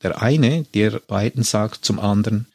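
A man's voice: on the low side, a little slow, vocal fry, a little mellow, husky, dry recording, clean studio sound. A man casually retelling a film scene by scene in a chat. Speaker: podcast co-host retelling a film.

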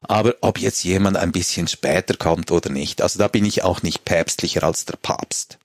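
A man, talking calmly as a guest on a comedic panel show. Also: low voice, normal speed, no echo, studio quality. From Switzerland. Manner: relaxed, reads a letter aloud.

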